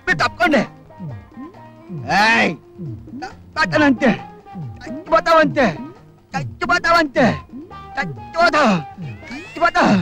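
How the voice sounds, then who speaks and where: A man's voice: very high-pitched, animated, slow pace, gravelly, pauses often, over music, exaggerated voice. An actor playing a panicky comic servant who wails and repeats his words over and over. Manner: wailing, repeats himself.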